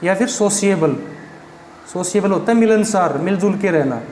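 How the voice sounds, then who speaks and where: High-voiced man spelling out vocabulary. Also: expressive, moderate pace, darkish tone. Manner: spells words letter by letter, asks and answers his own questions. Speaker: vocabulary teacher. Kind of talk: classroom vocabulary lesson. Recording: echoey room with faint background noise.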